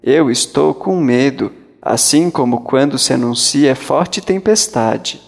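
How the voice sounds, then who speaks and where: A man's voice: medium pitch, slow pace, vocal fry, long reverb tail. A man voicing a frightened, guilty mother who speaks fearfully. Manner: fearful pleading.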